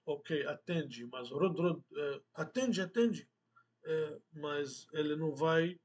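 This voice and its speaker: A man teaching a language lesson, speaking slowly and deliberately, repeating words for emphasis. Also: a little high, lo-fi sound. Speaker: Arabic teacher.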